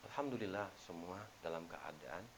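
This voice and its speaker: A low-voiced man preaches a sermon as an ustadz, his pitch swinging widely as he tells stories. He acts out the quoted lines in sudden loud bursts. A faint hiss sits under the recording. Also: expressive, normal speed, gravelly.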